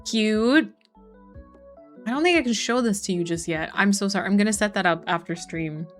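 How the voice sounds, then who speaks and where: A young woman chats casually on a live stream at a mid-range pitch, reading viewers' messages aloud and answering them. Her talk is loose and full of "like" and "um". Soft music plays faintly underneath. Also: moderate pace. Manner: frequent fillers like "like" and "um". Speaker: streamer chatting with her chat.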